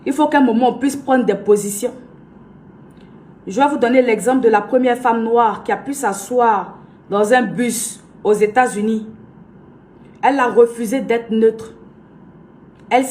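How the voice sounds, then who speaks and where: Speaking directly to camera, a young blogger and influencer from Côte d'Ivoire addresses her followers in an Ivorian French accent. Her voice is a little high with a darkish tone, slightly slow with long pauses, and she sounds earnest and forceful, repeating herself for emphasis.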